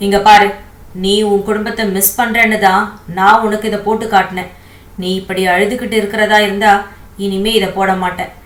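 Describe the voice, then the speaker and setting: A woman's voice: mid-range voice, fairly even intonation, moderate pace, lightly acted. A woman voicing a cold, stern young man who holds a woman captive and talks to her curtly, in a roomy recording. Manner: curt, commanding, unmoved.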